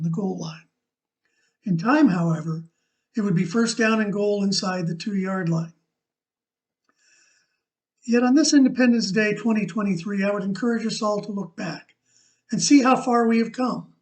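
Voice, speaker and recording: A man reading a reflective essay aloud in a measured, earnest way. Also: high-pitched, far from the mic, poor audio. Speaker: commentator.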